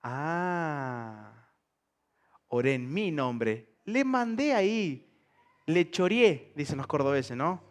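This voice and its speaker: Lively pastor preaching with humor. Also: male voice, fairly high pitch. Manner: lively, humorous, asks the congregation rhetorical questions. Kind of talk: sermon. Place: church service before a congregation.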